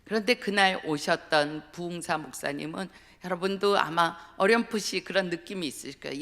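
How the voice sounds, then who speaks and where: Gravelly-voiced woman preaching in a reverberant church. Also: lowish voice. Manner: earnest, often drops to a hushed whisper for emphasis. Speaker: guest speaker at a dawn revival service. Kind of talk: sermon with personal testimony. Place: church sanctuary. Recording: long church hall reverb.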